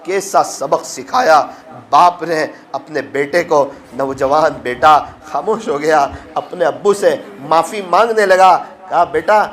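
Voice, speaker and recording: A man's voice: hardly any pauses, a bit bright. A man preaching a sermon, telling moral stories with emotion and acting out the voices of the people in them. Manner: emotional, acts out quoted voices with rising pitch. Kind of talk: sermon with storytelling.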